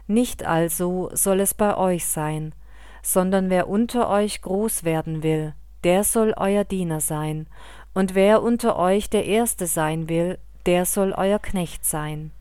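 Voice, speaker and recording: A woman reading the words of a calm male teacher speaking to his followers, in a solemn, measured way. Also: high voice, smooth, no echo, clean studio sound.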